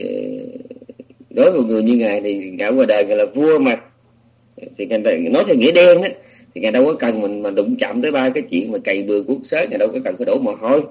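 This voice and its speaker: A man's voice: lowish voice, husky, highs cut off. A man giving a Buddhist sutra lecture, explaining patiently with many restarts and fillers. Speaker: Buddhist teacher.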